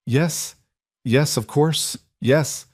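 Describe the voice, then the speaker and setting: A man's voice: fairly low pitch, animated, fairly quick, no room sound, clean studio sound. A man voicing a tearful newly engaged woman. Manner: softly tearful, earnest.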